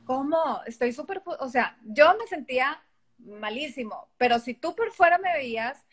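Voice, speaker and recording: High-voiced Mexican woman, animated storyteller. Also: moderate pace, husky. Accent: Mexican Spanish. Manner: animated, acts out quoted dialogue. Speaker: guest. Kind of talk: casual interview chat.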